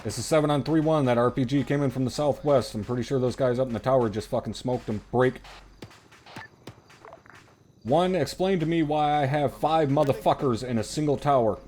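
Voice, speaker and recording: A man's voice: medium pitch, brisk, darkish tone. Commanding man making terse military radio calls. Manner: profane, blunt, commanding. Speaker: unit commander in a military simulation game. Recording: noisy game audio with gunfire.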